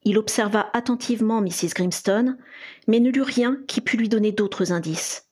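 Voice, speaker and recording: A woman narrates a fan fiction audiobook at a steady storytelling pace. Her voice has a husky, slightly breathy texture. It sits at an ordinary middle pitch. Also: moderate pace. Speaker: audiobook reader.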